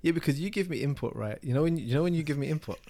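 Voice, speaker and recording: A man's voice: a little high, lively intonation, rapid-fire, creaky, mellow. Teasing man bantering. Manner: teasing, mock-exasperated banter. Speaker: designer and podcast co-host. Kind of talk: casual chat.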